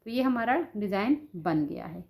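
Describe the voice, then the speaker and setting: A woman's voice: mid-range voice, expressive, moderate pace, vocal fry, darkish tone. A woman giving a patient step-by-step knitting tutorial, talking through each stitch with a sore throat. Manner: patient, repeats "ठीक है" as she demonstrates. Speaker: knitting instructor.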